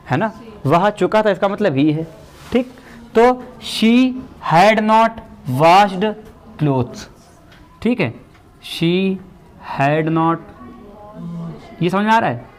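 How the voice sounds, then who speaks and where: High-voiced male classroom teacher. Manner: explains step by step, asking the class questions. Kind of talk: classroom grammar lesson.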